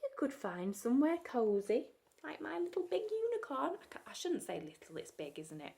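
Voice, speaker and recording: A woman, leading a gentle storytime lesson for young children, coaxing and asking them questions, sometimes dropping to a soft whisper. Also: high voice, sing-song, a little fast, gravelly, husky. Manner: sing-song, coaxing, asks children questions; drops to soft whispers at times.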